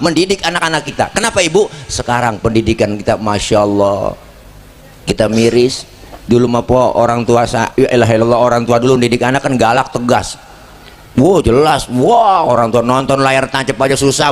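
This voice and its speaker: A man's voice: mid-range voice, a little hiss or hum. A man giving a joking sermon, talking straight to the crowd. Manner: joking, lively, addresses the crowd directly. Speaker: preacher. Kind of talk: comedic sermon.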